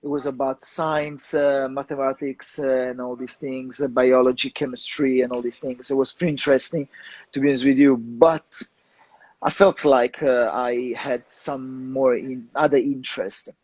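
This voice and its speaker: Italian guy, young, lots of um and uh, dry close sound, middle pitch. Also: steady tone, moderate pace, darkish tone, husky, no room sound, low-quality recording. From southern Italy. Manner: hesitant, many fillers and restarts. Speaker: guest photographer. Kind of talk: casual interview chat.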